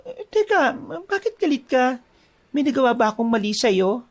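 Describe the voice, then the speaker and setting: A woman's voice: sits high, very animated, normal speed. A woman voicing an anxious young village wife who keeps questioning her husband, in a horror audio drama. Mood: pleading. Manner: questioning, pleading.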